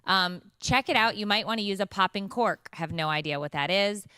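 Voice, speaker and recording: A woman's voice: mid-range voice, a little fast, sharp tone, smooth, dry recording, clean studio sound. A woman co-hosting a morning show, reading local news with joking asides. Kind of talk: casual chat, reading news segments.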